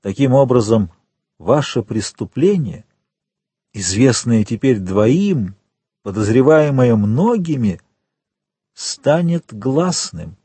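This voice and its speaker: A man reading an audiobook voices a stern royal prosecutor who speaks calmly and with measured menace. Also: medium pitch, husky, dry recording. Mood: accusing. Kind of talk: audiobook character voice.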